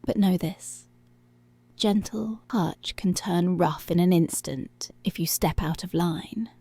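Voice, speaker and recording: In this ASMR roleplay, a woman plays a dominant policewoman in an exaggerated, lowish voice that is dark and husky, frequently dropping to a breathy whisper. She speaks very slowly, giving deliberate, seductive commands that come across as soft and controlling, recorded close and intimate.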